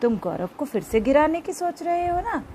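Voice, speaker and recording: A woman's voice: high voice, sing-song, moderate pace, warm tone, a little hiss or hum, pitched above the performer's own voice. A woman voicing a good-hearted schoolboy who stands up for a friend in a children's story read aloud. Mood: stern. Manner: firm, helpful.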